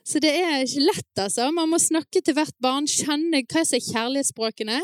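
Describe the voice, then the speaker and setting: A woman speaking to parents at an evening event, telling stories in a lively, chatty way with frequent laughs. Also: high-pitched, no room sound. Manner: many fillers and restarts, asks the audience "sant?". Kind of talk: live talk to an audience.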